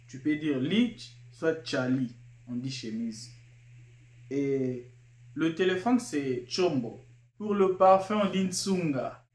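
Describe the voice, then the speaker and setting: A man explaining slang terms one by one, repeating each word and pausing with fillers. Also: on the high side, a little mellow, echoey room. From Kinshasa, DR Congo. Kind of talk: casual explanatory talk.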